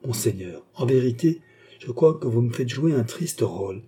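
A man's voice: mid-range voice, animated, normal speed, breathy edge. A man reading the part of an impatient, scheming noblewoman who speaks sharply. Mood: piqued. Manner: sharp, piqued.

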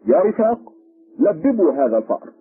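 A man voicing a blustering, self-important male village constable who barks sharp commands, with a tinny phone-like sound. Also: sits high, very animated, brisk, slightly rough, pitched above the performer's own voice, exaggerated voice. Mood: commanding.

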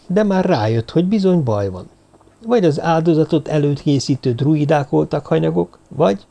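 A male audiobook narrator with a dark, mellow voice and mid-range pitch. He reads in a measured, even storytelling manner, scripted and steady. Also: gravelly.

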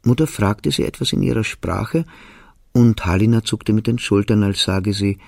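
Low, gravelly male audiobook narrator. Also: normal speed, a little mellow, no room sound, clean studio sound. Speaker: audiobook reader. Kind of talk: literary first-person reading. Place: recording studio.

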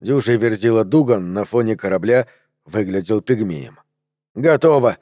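Mellow-voiced male audiobook narrator. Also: lowish voice, moderate pace, no room sound, studio quality. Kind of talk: scripted narration.

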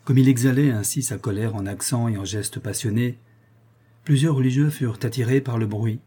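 A man narrating a classic novel in a steady, measured reading. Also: mid-range voice, breathy edge. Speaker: audiobook narrator.

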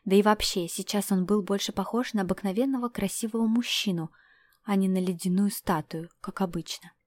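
A woman narrating a first-person fantasy audiobook in an even, measured way. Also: mid-range voice, no room sound.

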